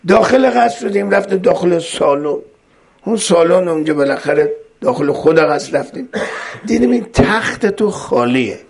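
A man's voice: a little high, expressive, vocal fry, slightly rough, pitched above the performer's own voice, heavily acted. A man voicing a grieving wise holy fool who tells the king a reproachful story.

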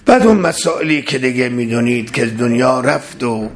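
A man preaching a sermon, reciting verse slowly and rising to loud, impassioned exclamations. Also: mid-range voice, expressive.

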